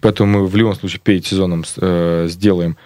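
Deep-voiced, quick-talking man, sports coach. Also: flat delivery, a little mellow, a little hiss or hum. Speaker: sports coach, interview guest. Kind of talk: casual radio interview answers. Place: radio studio.

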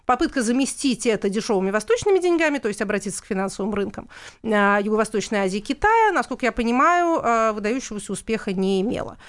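A woman commentator on a panel discussion, speaking in a measured, hedging way with many pauses. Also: on the high side, sing-song, clear, resonant tone. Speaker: political commentator.

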